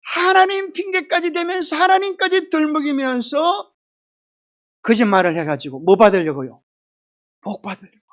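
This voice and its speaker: A woman teaching a children's Bible lesson, lively and asking the children questions. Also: sits high, normal speed. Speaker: children's Sabbath school teacher.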